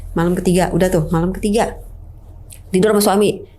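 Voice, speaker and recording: Animated woman with a lilt. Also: lowish voice, fairly quick. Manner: animated, acts out scenes, drops into whispers for quoted voices. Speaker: guest telling her own ghost story. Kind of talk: casual spoken storytelling.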